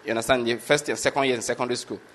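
This man talks rapid-fire at a medium pitch, with fairly even intonation and a fairly bright tone. He's a Nigerian medical lecturer with a Nigerian accent and Yoruba as his first language, telling a casual story peppered with chuckles and questions like "you understand my point?"

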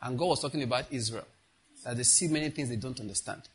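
Husky-voiced man preaching a sermon. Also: medium pitch, quick pace. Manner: emphatic, repeats key phrases, questions the congregation. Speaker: pastor.

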